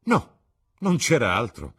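A man's voice: mid-range voice, huge pitch swings, slow pace, fairly bright tone, husky, voice pushed up, full character voice. A man reading the part of an earnest, melancholy painter in an audiobook, in a rueful tone.

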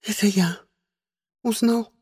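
A man's voice: high voice, steady tone, slow, a little mellow, husky, no echo, studio quality, pitched above the performer's own voice, exaggerated voice. A man doing a falsely sweet devilish young woman. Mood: coaxing. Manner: sing-song, feigned carefree.

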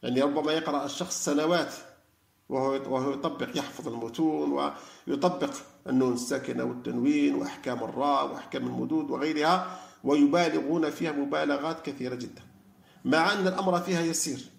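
A man giving a religious lecture, animated and arguing through rhetorical questions. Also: a little high, fast talker, creaky, reverberant. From Algeria. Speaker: lecturer on Quran study.

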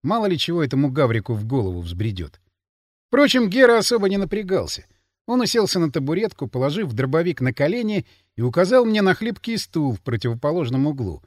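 A man's voice: on the high side, big pitch swings, brisk, no echo. A man narrating an audiobook with dry, wry asides. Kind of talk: scripted narration.

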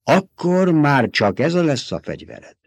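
A man's voice: a little high, very animated, gravelly, no room sound, voice pushed up, exaggerated voice. A feverish old doctor, put on by a male audiobook reader, speaks in a raised, strained voice, close and coaxing as he confides his treachery. The recording is dry and close to the mic. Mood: urgent, coaxing. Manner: intimate, coaxing, feverish intensity. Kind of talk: audiobook character reading.

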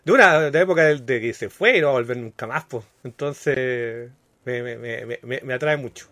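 A man's voice: medium pitch, a little fast, sharp tone. A man with a Chilean accent co-hosting a podcast, chatting casually and rambling with slangy asides and restarts. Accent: Chilean Spanish. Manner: rambling, self-interrupting, slangy. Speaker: podcast co-host. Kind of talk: casual chat.

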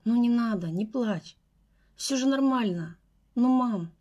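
A woman reads a young man blinded by his wounds, speaking low and unhurried. His voice stays a hushed, gentle murmur, with an edge of tension under it, in an audiobook. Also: lively intonation, lo-fi sound. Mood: soothing. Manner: soft, low, soothing murmur.

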